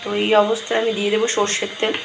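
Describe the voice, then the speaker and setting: A hoarse woman, chatting through her day at home as she cooks. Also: mid-range voice, monotone, racing, music in the background, poor audio. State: hoarse, straining to speak. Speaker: vlogger. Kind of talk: casual daily vlog narration. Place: home kitchen.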